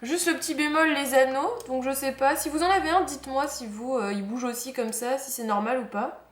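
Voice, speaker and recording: A woman's voice: high voice, steady tone, a little fast. Chatty young woman, echoey room. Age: young adult. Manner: chatty, fond of small cute details, says "hop" at each page. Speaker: planner vlogger. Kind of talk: casual unboxing commentary. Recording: echoey room with faint noise.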